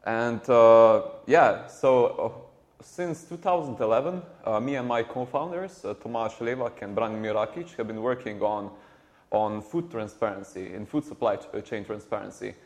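A man, a startup co-founder answering interview questions in a halting way with many repeated words. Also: medium pitch. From Slovenia. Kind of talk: conversational interview.

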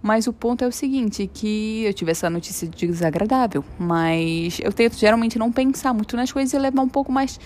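A woman's voice: a little high, expressive, fairly quick, hardly any pauses, a little mellow, slight background noise. A young woman hosting her own podcast, talking alone in a rambling, jokey way that keeps interrupting itself, into an earphone mic. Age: young adult. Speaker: podcast host. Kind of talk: personal monologue podcast.

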